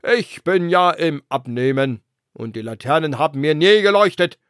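A man voicing an aloof waning moon in a storybook reading, loud and dismissive. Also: fairly high pitch, expressive, moderate pace, clear, resonant tone, no echo, studio quality, pitched above the performer's own voice. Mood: haughty.

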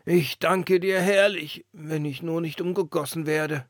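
A man's voice: on the high side, steady tone, measured pace, no echo, pitched above the performer's own voice. A man voicing an old, anxious street lantern in a storybook reading, with a plaintive manner and a dry sound. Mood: fretful.

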